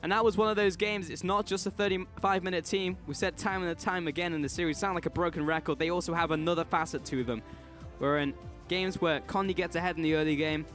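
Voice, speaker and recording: Male esports caster, high voice, excitable live play-by-play over a clear music bed. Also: fast, few pauses. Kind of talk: live game commentary.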